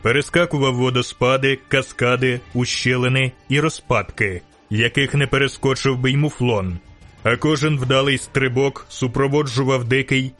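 A man's voice: mid-range voice, normal speed, faint music behind. Man narrating a fantasy audiobook. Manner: vivid, steady storytelling.

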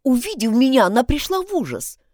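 A woman narrating a first-person story, her pitch moving lively up and down as she tells it. Her voice sits a little high and sounds dry and close. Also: a little fast, no echo. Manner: expressive storytelling.

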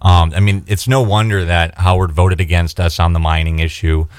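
A man's voice: low voice, level tone, no echo. A man, a state senate candidate talking earnestly in a radio studio. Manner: earnest, measured, with fillers and restarts. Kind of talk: radio interview, campaign talk.

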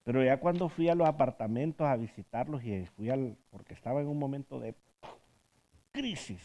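Una mujer que da un estudio bíblico en tono conversacional. Hace preguntas al grupo y suele rematar sus frases con una pregunta. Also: female voice, rumbling low, normal speed, mellow, muffled recording. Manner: asks the group questions, often adds a tag question at the end; tells stories from her own counseling work. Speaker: Bible study teacher. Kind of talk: conversational Bible study teaching.

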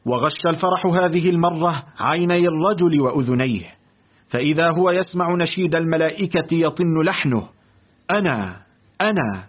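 A man narrating a literary audiobook in a deliberate, expressive reading. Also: a little high. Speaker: audiobook reader. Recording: tinny, lo-fi phone-like audio.

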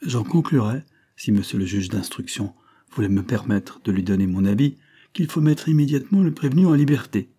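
Un homme qui prête sa voix, dans un livre audio, à un agent de police franc et enthousiaste, au ton ardent et sincère. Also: male voice, medium pitch, animated, fairly quick, dark tone, breathy edge. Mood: earnest, eager. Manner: frank, enthusiastic, earnest. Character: eager, outspoken male police agent. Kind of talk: audiobook character reading.

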